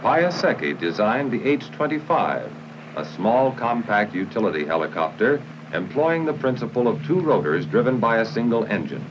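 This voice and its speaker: Heard through muffled, crackly old audio, an American man with a low-leaning voice narrates a 1950s military training film. His formal instruction is measured yet sing-song.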